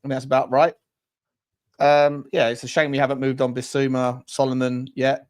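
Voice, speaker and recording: A man's voice: medium pitch, flat delivery, normal speed. A man chatting casually as a football fan panellist, hesitant and repeating words as he thinks aloud. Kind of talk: casual chat.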